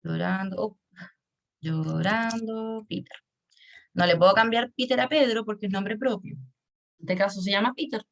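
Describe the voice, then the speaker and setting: A woman's voice: mid-range voice, moderate pace, gravelly, long pauses. A woman teaches an online English lesson. She explains patiently, repeats key points and keeps checking that the students follow.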